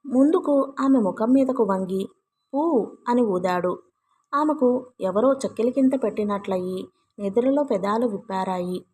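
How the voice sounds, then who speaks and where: Woman reading a novel aloud, steady. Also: a little high, moderate pace, slight background noise. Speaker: storybook narrator. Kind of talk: scripted narration of a novel.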